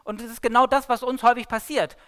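A woman giving a sermon-style Bible talk, telling the story dramatically and swinging between loud emphasis and hushed lines. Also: a little high, steady tone, quick pace, smooth. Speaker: preacher.

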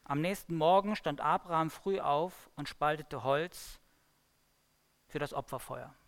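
A woman giving a sermon-style Bible talk, telling the story dramatically and swinging between loud emphasis and hushed lines. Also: sits low, a little slow. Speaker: preacher.

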